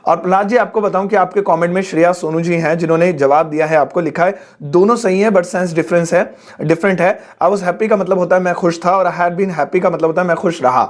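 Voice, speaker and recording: A man's voice: high voice, fairly quick. A male English teacher reading out viewers' questions and explaining the answers patiently with everyday examples. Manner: reads each comment aloud, then explains it patiently with everyday examples.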